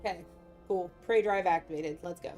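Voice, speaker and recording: A woman's voice: on the low side, a little fast, a little mellow, soft background music. A woman chatting casually as a player in a tabletop role-playing game, with wry, joking delivery. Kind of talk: casual chat during tabletop role-play.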